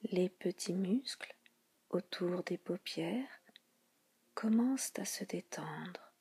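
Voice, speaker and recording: A woman guides a relaxation session in a calming spa whisper, her pitch fairly low yet her intonation lively. Very breathy and husky with an underlying creaky fry, she speaks in a slow hush, repeats soft phrases, and leaves frequent pauses.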